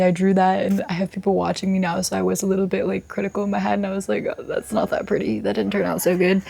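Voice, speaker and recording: A young woman chatting casually while she draws in her journal, relaxed and rambling as she thinks aloud into a close microphone. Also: mid-range voice, gravelly, a little hiss or hum. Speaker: vlogger. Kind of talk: casual chat while drawing.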